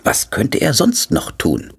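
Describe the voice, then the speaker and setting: A man narrating a children's cartoon story in a gentle, coaxing way, speaking to the little hero. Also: mid-range voice, wildly swooping pitch, slow pace. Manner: gentle, coaxing, talks to the figure.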